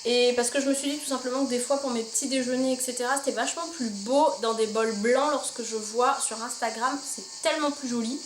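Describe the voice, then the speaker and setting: A woman's voice: fairly high pitch, fairly even intonation, a little fast, few pauses. A woman chatting casually in a haul vlog, gushing over her purchases, filled with fillers, recorded at home with windows open. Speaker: vlogger showing her shopping haul. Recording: roomy home room, faint insect noise. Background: insects outside.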